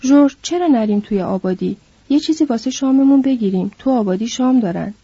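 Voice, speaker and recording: A woman voicing a big, simple-minded, childlike farmhand man who talks in a slow, pleading way. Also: a little high, lively intonation, warm tone, breathy edge. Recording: dull lo-fi recording.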